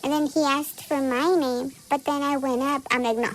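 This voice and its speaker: A woman's voice: high-pitched, steady tone, moderate pace, slight background noise, rough recording. A teenage girl co-hosting a podcast, chatting casually and telling stories bluntly, with frequent swearing. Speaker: podcast co-host. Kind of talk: casual chat.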